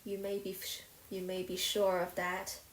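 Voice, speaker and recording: A woman's voice: lowish voice, monotone, moderate pace, close to an everyday voice. A woman voicing a sad but practical young girl who talks in a plain, mournful way. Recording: roomy echo.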